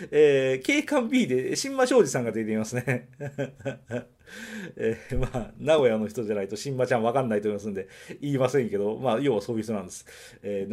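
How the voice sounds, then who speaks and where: A man from Nagoya talks through a film review on his podcast in a loose, casual monologue. His pitch rises and falls freely, and he drifts off on tangents and corrects himself mid-sentence. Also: darkish tone. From Nagoya, Japan. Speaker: podcast host reviewing films.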